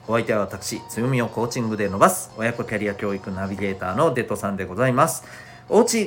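Man with a stuffy nose, very lively pitch. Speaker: host of an audio show for schoolchildren and parents. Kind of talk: chatty solo podcast talk.

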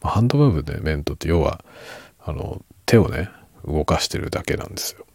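A middle-aged man murmurs a casual late-night chat meant for sleep. His voice is extremely deep, with a gravelly fry, and often thins into a whisper as sentences trail off. It is unhurried and soft, recorded dry and close. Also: animated, no echo. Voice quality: husky, low murmur drifting into whisper. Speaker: podcast and ASMR creator.

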